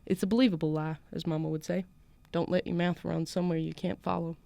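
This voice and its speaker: Here a woman voices a small-town schoolgirl who is defiant, putting on a Southern US accent for a first-person literary fiction reading. Her voice is lowish, creaky and dark, fast-paced with little pitch movement and no echo. The mood comes across as wry and defiant.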